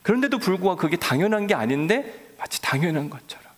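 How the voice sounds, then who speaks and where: A man's voice: sits high, sing-song, fast talker. A male pastor preaching a sermon, coaxing his congregation with direct questions and prompts. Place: church sanctuary. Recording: long church hall reverb.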